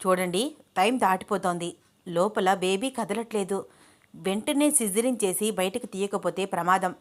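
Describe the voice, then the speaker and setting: A woman voicing a calm male surgeon who reassures his patient in a slow, soothing, lower voice. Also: close to an everyday voice.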